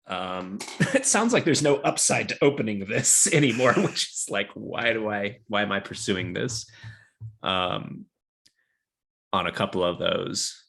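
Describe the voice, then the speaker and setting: Male gamer, crisp bright edge with plenty of vocal fry, tentative casual tabletop talk. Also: on the low side, lively intonation, a little slow, slight background noise. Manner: hesitant, deliberating aloud. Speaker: tabletop game player. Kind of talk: casual game chat.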